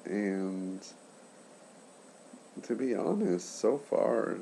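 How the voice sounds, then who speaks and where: Man, late 20s, deep and slow, congested post-surgery speech, hushed halting vlog chat, faint noise. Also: gravelly. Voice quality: congested, impaired articulation after throat and nose surgery. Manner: subdued, keeping voice down for a sleeper; halting, trailing pauses. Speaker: patient sharing surgery recovery.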